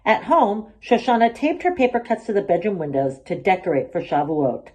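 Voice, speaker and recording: A woman reads a children's picture book aloud as an expressive storyteller, her voice medium in pitch and her pace moderate.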